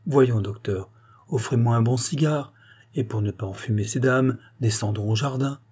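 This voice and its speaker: Male narrator as shrewd young sleuth, insistent, husky low timbre. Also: moderate pace, darkish tone, close to an everyday voice. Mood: breezy. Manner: insistent, probing, confident. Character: sharp, cunning young male detective.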